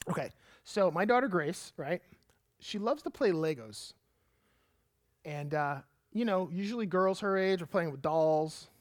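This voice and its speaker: A man in his thirties, a pastor, preaching a sermon and telling a lively personal story with emphatic delivery. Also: sits high, no room sound, studio quality.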